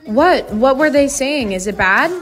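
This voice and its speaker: A woman's voice: sits high, expressive, a little slow, fairly bright tone, faint music behind. A woman playing a curious, pushy young friend who keeps asking questions.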